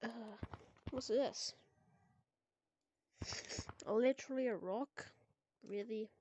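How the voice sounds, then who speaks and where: A woman giving chatty, excitable commentary while playing a VR game, reacting to each new item and humming to herself. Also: fairly high pitch, takes it slowly, dry recording. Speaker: gameplay video creator. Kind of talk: casual gameplay commentary. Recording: constant clear background noise.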